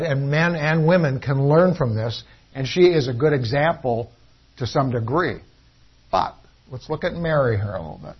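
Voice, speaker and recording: A man delivers a sermon in an earnest, teaching way, often doubling back on his words. His voice sits a little high and has a husky edge. The recording sounds dull and lo-fi. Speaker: preacher.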